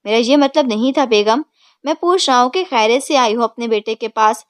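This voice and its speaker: A woman voicing a blustering older father, startled and gruff but quickly cowed by his wife. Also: extremely high pitch, dry recording. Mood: flustered. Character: blustering rich older father, easily flustered.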